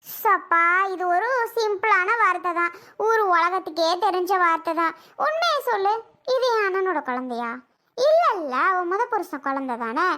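A quarrelsome young woman who insists she spoke only the truth and demands money from her brother, as played by a woman. Her voice sits very high and bright, and her delivery is shrill and defiant throughout this family skit. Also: sing-song, moderate pace, exaggerated voice. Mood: aggrieved.

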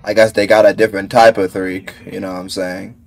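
In a bedroom, a reaction video creator with a low, creaky voice and little pitch movement talks fairly quickly. His commentary is casual, slangy, informal and incredulous.

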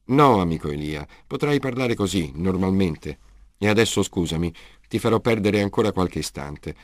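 A man reads a humanoid robot in a storybook, deep and steady, courteous and logical, explaining things in measured sentences. The sound is close and dry with no room around it. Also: no room sound. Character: calm humanoid male robot, polite and logical. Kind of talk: audiobook character reading.

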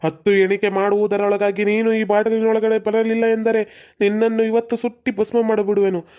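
A performer voicing a stern old male exorcist in a cartoon, speaking in slow formal commands. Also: medium pitch, flat delivery, mellow, clear, resonant tone, natural voice. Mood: commanding.

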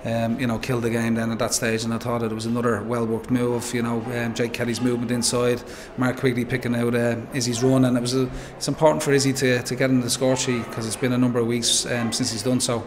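A man in his forties with an Irish accent, a football manager giving a measured post-match interview, full of "um" and "you know". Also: medium pitch, flat delivery, noisy background. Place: pitchside interview backdrop, noisy. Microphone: handheld interviewer mic.

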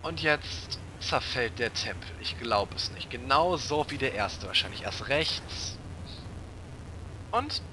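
Man, gameplay commentary, mocking and sarcastic, animated pitch, unhurried, music behind. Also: background noise. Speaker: let's player. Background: game music.

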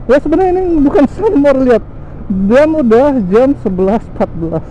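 A young Indonesian motovlogger rides along a tree-lined road, joking in slang and laughing often, his voice very high, quick, dark-toned and full of lively intonation. A helmet-mounted action camera mic picks him up, with wind and engine noise and a lo-fi sound.

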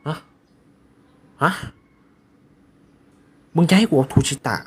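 A young man giving casual, excitable gameplay commentary and swearing often. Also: takes it slowly. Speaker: gamer.

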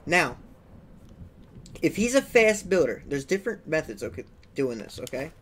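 A man's voice: sing-song, moderate pace, a bit bright, a little hiss or hum. Chatty young man explaining gameplay. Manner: chatty, keeps checking in with "okay?" and "right?"; sound effects like "boom" while demonstrating. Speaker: gaming tutorial creator. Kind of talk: casual walkthrough commentary.

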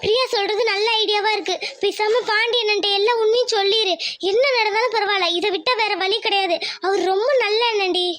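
Someone voicing an excitable young friend. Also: very high voice, a little fast. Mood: urgent. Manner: excitable, urgent. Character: young village woman, excitable loyal friend.

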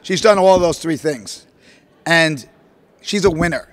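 A middle-aged man with a fairly high voice speaks from a podium in a press room. He talks in animated, rambling bursts, circling back through his points with fillers and restarts, the way a coach answers after a game. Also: a little slow, no echo. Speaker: head basketball coach. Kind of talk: postgame press conference. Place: press room, standing at a podium before a logo backdrop. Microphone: podium microphone.

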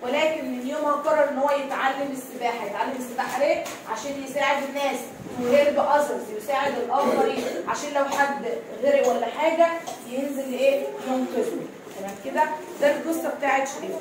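A woman with an Egyptian Arabic accent teaching English, slowly reading a story aloud, translating it and drilling sounds over and over. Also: high-pitched. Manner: slow reading, repeating sounds many times. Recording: echoey room, mic far off, light noise.

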